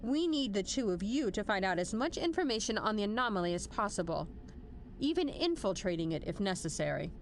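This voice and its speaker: In a scripted audio drama, a woman plays a stern female military general, giving a formal, authoritative briefing that is commanding, measured and dryly wry. Her mid-range voice swings widely in pitch at a fairly quick pace, with a little hiss or hum underneath.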